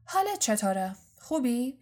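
A woman's voice: a little high, big pitch swings, a little mellow. Woman reading a haughty, pompous teenage boy. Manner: haughty and formal.

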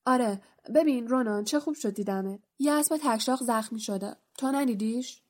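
A woman doing Hagrid, loud blustering giant. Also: on the high side, natural voice. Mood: eager. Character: huge gruff male half-giant gamekeeper. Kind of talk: audiobook character voice.

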